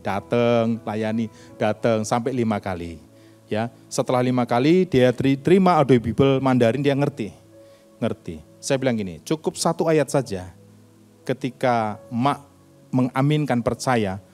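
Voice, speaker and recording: An older man preaching a sermon in church, telling personal stories and acting out the dialogue in them. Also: mid-range voice. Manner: animated storytelling, acts out dialogue. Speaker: pastor.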